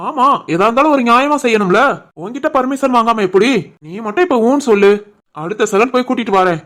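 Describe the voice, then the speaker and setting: A woman's voice: on the high side, quick pace, natural voice. A woman voicing a teasing young Tirunelveli husband. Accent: Tirunelveli Tamil. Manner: teasing banter, turns soft and worried. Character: young husband, teasing but caring, shopkeeper. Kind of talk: animated family story.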